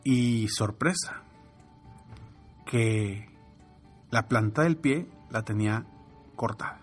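A man's voice: lowish voice, slow, soft background music. A man with a Mexican Spanish accent, in his thirties, giving a motivational talk on leadership through a family story and acting out the voices in it. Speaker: leadership speaker.

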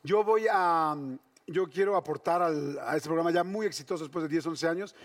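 A high-pitched Mexican man in his forties jokes and boasts in loose group banter. He swears freely and keeps it casual. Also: normal speed. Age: 40s. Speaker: show regular.

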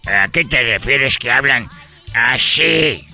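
A man on a radio comedy show voicing a goofy male foreign barbecue vendor who mangles his Spanish and tells deadpan absurd jokes. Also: mid-range voice, slow pace, vocal fry, faint music behind, full character voice.

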